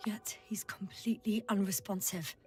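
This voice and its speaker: A woman's voice: mid-range voice, steady tone, normal speed, darkish tone, natural voice. A composed female field doctor in a video game, voiced by a woman, terse and practical. She keeps her reports short and matter-of-fact. The voice sits a little off the mic, with a game score playing behind. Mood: focused. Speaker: scientist on a planet mission. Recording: game audio, distant mic, music under.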